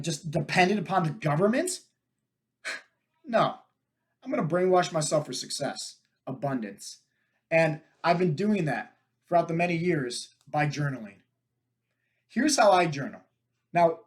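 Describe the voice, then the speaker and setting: High-voiced man, energetic podcast host. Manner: energetic, talks to listeners with frequent "right?" and "like" fillers. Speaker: podcast host and fitness coach. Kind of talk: casual storytelling monologue.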